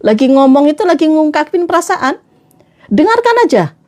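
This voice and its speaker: A woman's voice: high voice, very animated, moderate pace, darkish tone. A woman trainer giving a playful, chatty motivational talk to a live audience, acting out little scenes as she goes.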